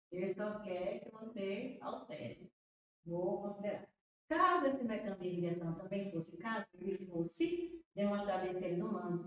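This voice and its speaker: A woman's voice: medium pitch, a little hiss or hum. A Brazilian woman teacher solving exam questions aloud, repeating words and checking in with her listeners. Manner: talks through answers aloud, repeating words and checking with "né?" and "tá vendo?". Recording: echoey room, voice far from the mic.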